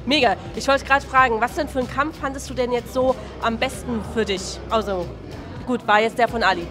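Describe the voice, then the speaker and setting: A woman's voice: fairly high pitch, a little fast. A young woman doing a casual on-site interview with a handheld microphone. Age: young adult. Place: indoor boxing hall, at a sponsor wall. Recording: music and crowd noise behind. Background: music and crowd.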